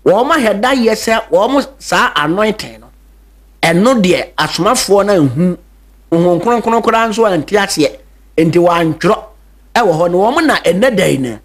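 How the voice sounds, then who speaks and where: A man's voice: high voice, animated, normal speed. A Ghanaian man preaching a radio sermon in Twi and English, emphatic, repeating key words, with hesitant fillers.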